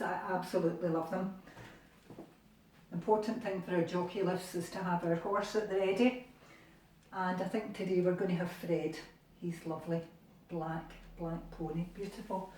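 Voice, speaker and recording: Mellow-voiced Scottish woman leading exercises. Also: mid-range voice, a little hiss or hum. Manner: encouraging, chatty. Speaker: exercise instructor. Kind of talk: guided exercise class. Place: living room. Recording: echoey room, distant mic.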